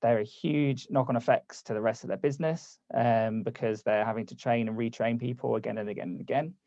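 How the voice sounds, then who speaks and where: A man runs a live video-call workshop in a relaxed, conversational way, reading chat comments aloud while his voice fades. He speaks fairly quickly in a warm, steady mid-range voice. The audio is dull and free of echo.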